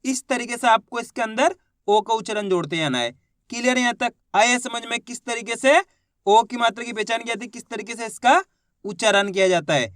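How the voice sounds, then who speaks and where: A man teaching children's reading, sounding out words slowly syllable by syllable and checking that listeners follow. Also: very high voice, fairly bright tone, dry recording, clean studio sound. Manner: slow syllable-by-syllable drilling, repeats checks. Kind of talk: online reading lesson.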